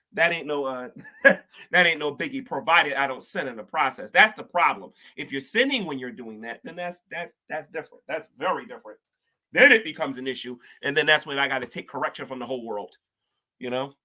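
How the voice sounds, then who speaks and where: Speaking a little fast in a sharp, medium-pitched voice, this man gives rambling, self-reflective commentary to camera as an online commentator. He's slangy, says "ain't," restarts often, and preaches about the gospel and spiritual war.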